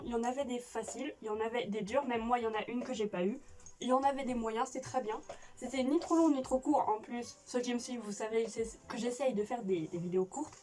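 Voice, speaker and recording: While playing a quiz game, this YouTuber gives chatty reactions, wandering off and restarting as she defends her answers. She has a fairly high, dark voice, picked up slightly off-mic with some faint noise.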